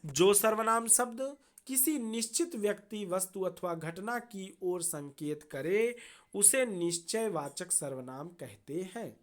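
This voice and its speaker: A woman teacher explaining a grammar lesson to students, slow and deliberate, often checking in with a quick "okay" and repeating key terms. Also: medium pitch.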